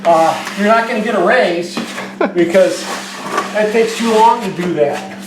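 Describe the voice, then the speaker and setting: A drywall finisher who hosts a show talks casually and jokingly, rambling through stories while demonstrating taping in a garage under repair. His voice sits high at a measured pace, and the noisy recording sounds echoey, with a distant mic.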